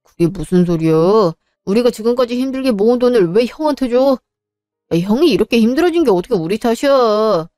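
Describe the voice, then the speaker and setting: A woman's voice: fairly high pitch, a little mellow, no room sound, clean studio sound, lightly acted. A woman voicing a blunt resentful younger son. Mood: exasperated. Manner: blunt, exasperated arguing. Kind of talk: dramatized story narration.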